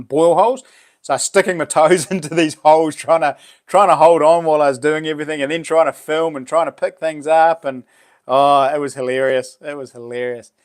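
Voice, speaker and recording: A man in his late forties with a broad New Zealand accent, chatting casually to livestream viewers in laid-back, blokey slang. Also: fairly high pitch. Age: late 40s. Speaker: livestream host. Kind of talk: casual live chat with viewers.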